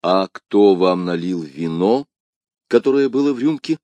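A man voicing a grim, hoarse musketeer. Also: sits low, animated, measured pace, dark tone, dry recording. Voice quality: hoarse whisper. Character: grave older male musketeer, grim and restrained.

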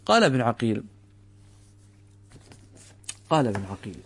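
A man teaching a grammar lesson, asking his students rhetorical questions and slowing down to spell out example words. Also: medium pitch, big pitch swings, slight background noise. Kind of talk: classroom lecture on a grammar text.

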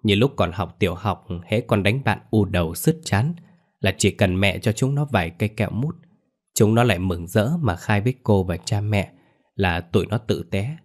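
A man voicing a cold, manipulative young man who coaxes his mother in a soft voice. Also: lowish voice, animated, moderate pace. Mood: smug. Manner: soft-spoken, coaxing.

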